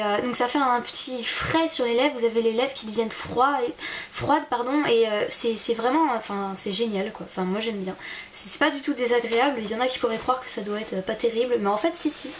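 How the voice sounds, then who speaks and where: A woman's voice: fairly high pitch, slight background noise. A young woman vlogger chatting casually and informally to camera in speech, rambling and hesitating. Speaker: beauty vlogger.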